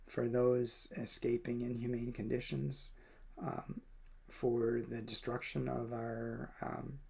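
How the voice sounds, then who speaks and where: Speaking slowly in a level, mid-range voice that is gravelly and slightly rough, a man reads the daily devotional and reflects on it. He is thoughtful, with frequent pauses and fillers.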